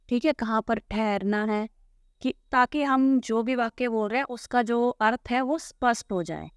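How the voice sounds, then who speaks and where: A woman's voice: on the high side, smooth, no room sound, studio quality. A woman teaching a school Hindi lesson, patiently walking through textbook answers and often checking in with "theek hai". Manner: patient, repeats "ठीक है" often.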